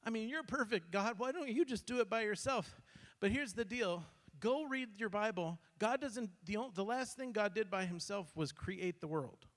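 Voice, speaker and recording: High-voiced man preaching in an echoey hall. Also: moderate pace. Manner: animated, acts out quotes, frequent restarts. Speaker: pastor. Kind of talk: sermon storytelling. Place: church sanctuary. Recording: long hall reverb.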